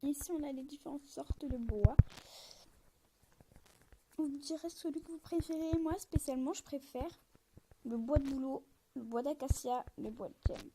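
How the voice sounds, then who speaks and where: A young woman casually commenting on a game texture pack at night, speaking softly and half-whispering, with many fillers and restarts. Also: high-pitched, normal speed, pauses often. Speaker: gamer showing a texture pack. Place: bedroom at night. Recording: noisy home recording.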